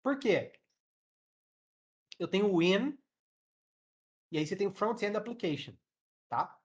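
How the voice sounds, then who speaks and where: A young Brazilian-accented man leads a live online English class by webcam, demonstrating sounds aloud and repeatedly checking on his students. His high-pitched voice is expressive and a little slow.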